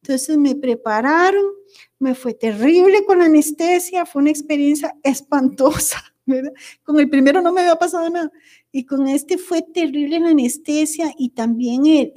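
High-voiced woman teaching. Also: moderate pace, mellow. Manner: conversational, tags sentences with a questioning aside. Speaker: workshop facilitator. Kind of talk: talk to a group on handling emotions.

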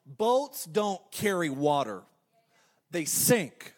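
A man in his thirties preaching a sermon, building energy through repeated declarations and quick humorous asides. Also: fairly high pitch, sing-song. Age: 30s. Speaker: pastor.

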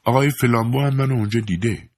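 A man voicing a calm, sly young woman in a storybook reading. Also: mid-range voice, pitched above the performer's own voice, natural voice. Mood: coolly mocking. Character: young woman, cold and mocking.

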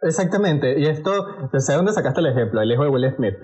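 A man with a Venezuelan accent in casual chat, telling stories with animated delivery and acting out other people's voices. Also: fairly high pitch, fast, muffled recording. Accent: Venezuelan Spanish.

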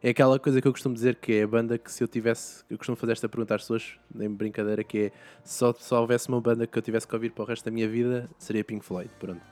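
A man's voice: mid-range voice, level tone, racing, few pauses, darkish tone. A young man with a European Portuguese accent, chatting casually as a podcast host and rambling with many restarts. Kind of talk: casual chat.

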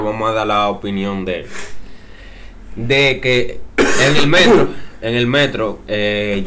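A man's voice: lowish voice, a bit bright, a little hiss or hum. A man with a Dominican accent co-hosting a podcast, chatting and joking in playful banter. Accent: Dominican Spanish. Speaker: podcast co-host. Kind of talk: casual chat.

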